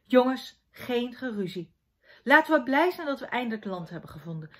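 A woman's voice: a little high, big pitch swings, moderate pace, pitched above the performer's own voice. A woman reading aloud and voicing a cheerful, encouraging father who talks to his children in an upbeat, coaxing way. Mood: cheerful, urging.

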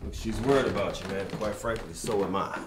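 A man playing a concerned friend who speaks calmly and earnestly. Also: fairly low pitch, a little fast, lightly acted. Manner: calm and earnest. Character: concerned friend, calm and steady. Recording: distant mic, echoey room, loud noise.

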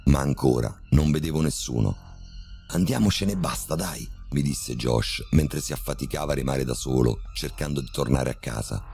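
A man with an extremely deep, gravelly voice reads a horror story in a measured, steady way. His tone is dark and mellow, with faint music behind him. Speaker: narrator. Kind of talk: scripted horror story narration.

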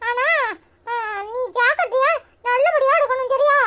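A woman doing a squeaky little Tirunelveli boy. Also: steady tone, a little slow, bright, forceful tone, dull audio, exaggerated voice. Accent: Tirunelveli Tamil. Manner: chirpy, high-pitched childish chatter. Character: cheeky little boy, bossy and caring.

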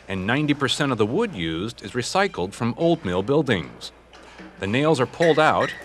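A male TV host narrating a home-building feature in a smooth, measured presenter voice. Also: mid-range voice, fairly bright tone, slight background noise. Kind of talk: scripted documentary narration. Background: background music under the voice-over.

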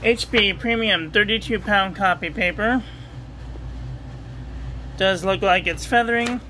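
A woman reviewing ink and paper at a home desk, talking through a steady, repetitive checklist and getting excited about the ink colors. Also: mid-range voice, measured pace, a little hiss or hum, low-quality recording. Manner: enthusiastic over ink colors. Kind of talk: casual product review voice-over.

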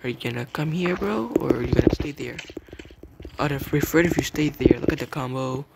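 A young man giving casual gameplay commentary, muttering to himself and repeating words rapidly in tense moments. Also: mid-range voice, gravelly. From English-speaking country with its own slang. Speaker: gamer. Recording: noisy home mic.

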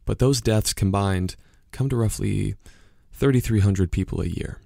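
A man playing a gravelly-voiced young investigator. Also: on the low side, mellow, no echo, clean studio sound. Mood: narrating. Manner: measured, inquisitive narration. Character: curious young male podcaster-investigator. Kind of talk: audio drama narration and dialogue.

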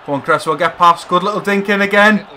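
A man giving excitable live commentary while playing a football video game, shouting encouragement at his players. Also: sits high, quick pace. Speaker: gamer playing a football career mode.

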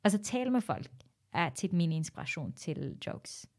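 Low-voiced woman comedian, thoughtful. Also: big pitch swings, darkish tone. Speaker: stand-up comedian guest. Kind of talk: casual chat.

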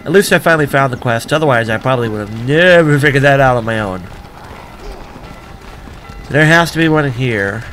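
A man's voice: medium pitch, animated, fairly quick, pauses often, a bit bright, faint music behind. Wry man narrating gameplay. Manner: wry, offhand, muttering asides. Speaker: let's play gamer. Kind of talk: casual gameplay commentary.

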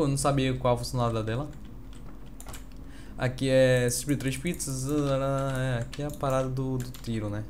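A man with a Brazilian Portuguese accent, doing joking let's-play commentary and calling out excited greetings to his viewers. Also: medium pitch, slight background noise. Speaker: gaming youtuber.

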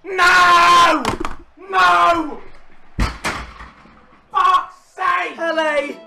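A young British man reacting to a football video game in a bedroom, exasperated, sweary and repeating himself as he shouts. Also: very high-pitched, fairly even intonation, drawn-out words, gravelly, noisy background. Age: young adult. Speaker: gaming video creator playing a football game. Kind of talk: raging gameplay reaction commentary. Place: small furnished bedroom indoors. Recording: music playing behind the voice.

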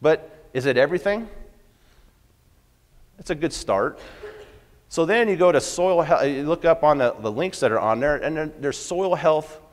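A man's voice: a little high, lively intonation, normal speed, long pauses. A man, a farmer, giving a folksy conference talk and asking the audience questions. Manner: folksy, asks the crowd questions. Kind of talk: storytelling lecture to an audience. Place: conference hall. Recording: long reverb of a large hall.

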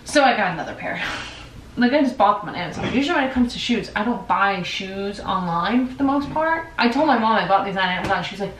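A woman's voice: mid-range voice, lively intonation, fast talker, fairly bright tone. A chatty, upbeat woman in her twenties talks casually in her bedroom. She sits back from the camera, so her voice sounds a little distant. The room adds echo, with a faint hiss behind. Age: 20s. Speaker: vlogger. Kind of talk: casual chat. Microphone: far camera. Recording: roomy, from a distance.

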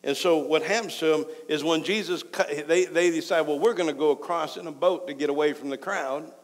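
A male pastor preaching a sermon, emphatic and rising to excited, raised delivery. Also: a little high, brisk. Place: church sanctuary. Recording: church hall reverb.

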